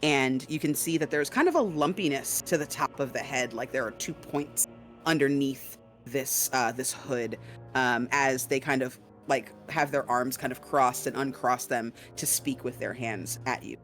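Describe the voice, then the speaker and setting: A man narrates a tabletop game as its game master. He improvises in a halting way, searching for words, in a middle-pitched voice. Soft music plays underneath.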